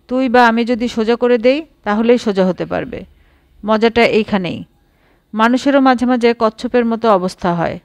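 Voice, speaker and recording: A woman's voice: fairly high pitch, no room sound, close to an everyday voice. A woman voicing a grave, earnest young uncle in a storybook reading.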